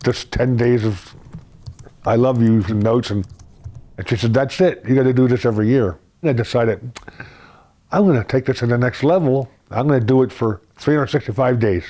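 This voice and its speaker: Brief: older man, mellow and dark in tone, soft-spoken interviewee reading his own notes. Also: mid-range voice, normal speed. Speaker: husband interviewed in a news feature.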